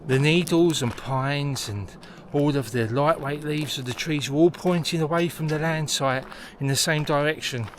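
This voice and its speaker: His voice sits on the high side and moves at a moderate pace with hardly any pauses. He is the host of a vlog, narrating and explaining on location in a forest, with noisy outdoor audio.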